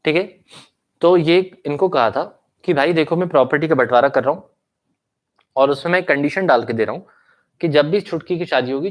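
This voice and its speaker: A young man with an Indian accent teaches a law lesson online, and his throat is sore, so a cough breaks in now and then. His voice sits a little on the high side. He mixes Hindi and English and keeps checking in with his students through tag questions. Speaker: commerce law lecturer. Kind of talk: online lecture reading chat questions.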